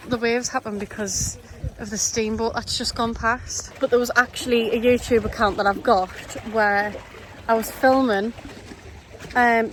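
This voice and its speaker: A woman chatting casually and rambling as she vlogs on a handheld camera. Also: a little high. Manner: chatty, rambling, laughing asides. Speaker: vlogger. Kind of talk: casual vlog chat. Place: outdoors by a lake. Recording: outdoor noise.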